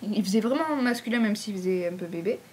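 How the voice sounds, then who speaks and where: A woman's voice: medium pitch, expressive, fast, a little mellow, a little hiss or hum. A woman with a southern French accent answering fan questions in a casual, rambling vlog, full of fillers. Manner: chatty, rambling, frequent fillers.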